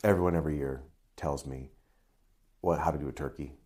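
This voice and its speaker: Deep-voiced priest, dry wry humor. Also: male voice, fairly even intonation, fairly quick, mellow. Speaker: priest co-host. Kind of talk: casual podcast conversation.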